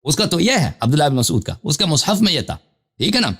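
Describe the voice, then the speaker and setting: A man's voice: on the high side, big pitch swings, fairly bright tone, breathy edge. A man hosting a live call-in show, reading Arabic citations and explaining them at length, with questions for the caller. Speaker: Shia cleric host of a live call-in show. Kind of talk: scholarly lecture reading Arabic sources.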